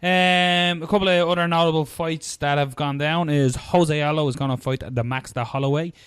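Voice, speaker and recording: A man's voice: fairly high pitch, steady tone, normal speed, fairly bright tone, clean tone, no echo, clean studio sound. An Irish man hosting a casual podcast chat, slangy and swearing freely. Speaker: podcast host.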